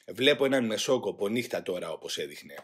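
Husky man reading a grave memoir. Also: fairly low pitch, expressive. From Greece. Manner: grave, measured, voicing shouted quotes louder. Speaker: audiobook reader. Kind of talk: first-person memoir reading.

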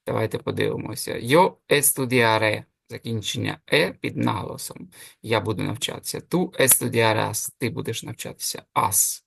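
Man, Spanish teacher, online lesson, gravelly voice, step-by-step explaining, hesitant fillers. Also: fairly low pitch, fairly bright tone, no echo, studio quality. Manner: explains step by step, slows down to pronounce the Spanish forms; hesitant fillers and self-corrections.

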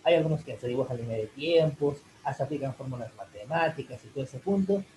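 Man, online english teacher, mellow dark voice, rambling with fillers, faint hiss behind. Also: medium pitch, lively intonation, fast, rough recording. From Peru. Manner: rambling, full of fillers like "en este caso" and "chicos". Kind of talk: online class Q&A, explaining in Spanish.

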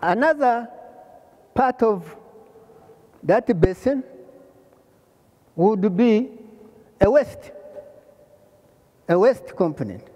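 An older man from Rwanda giving a hands-on plumbing lesson, pausing often and repeating phrases as he shows the parts. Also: high-pitched, big pitch swings, dark tone, big-room sound. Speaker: plumbing instructor. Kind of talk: slow hands-on trade lesson. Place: large workshop hall.

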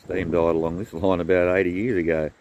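A man's voice: low-pitched, level tone, a little fast, darkish tone, dull audio, slight background noise. A man vlogging casually at a railway line outdoors in the rain, talking in a laid-back, chatty way into a handheld camera. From Australia. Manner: laid-back, chatty, sings a snatch of song. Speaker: train-spotting vlogger.

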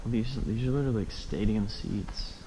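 A man's voice: on the low side, moderate pace. A teenage boy vlogging while exploring an empty school, talking casually and often half under his breath to the camera. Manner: hushed, muttering to the camera. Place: large empty school building, hallways and tiled bathroom. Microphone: head-mounted action camera. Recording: echoey rooms, loud background noise.

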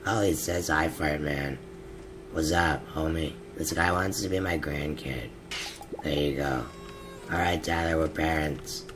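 A man hosting a game role-play, joking loudly and laughing as he plays. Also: very deep voice, fairly even intonation, measured pace, music in the background. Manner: loud, laughing, joking outbursts. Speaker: gamer host.

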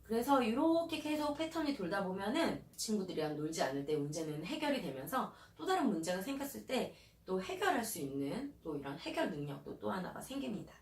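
A woman child counselor giving parenting advice in an animated way, often acting out the questions she would ask a child. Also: mid-range voice, fairly quick, few pauses. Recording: roomy, distant mic, faint hiss.

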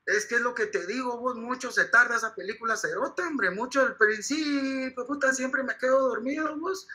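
A man's voice: very high-pitched, normal speed, bright, forceful tone, poor audio. A man with a Guatemalan accent, ranting in crude slang as an interviewee, full of profanity and rambling asides. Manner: rambling, profane, keeps saying "vos". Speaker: interviewee, actor of the film. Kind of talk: crude comedic slang-heavy rant.

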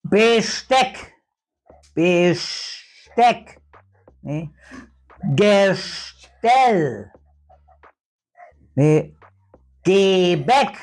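Older male game player, overly loud from headphones, swinging pitch, halting single-word guesses. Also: expressive, soft background music. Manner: talking too loudly with headphones on, guessing word by word. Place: small indoor room.

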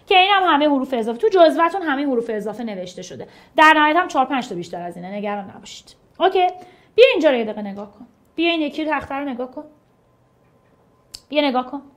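Young persian lady teaching english, high bright voice, bouncy and coaxing, keeps repeating stuff in a rhythm. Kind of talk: energetic classroom explanation.

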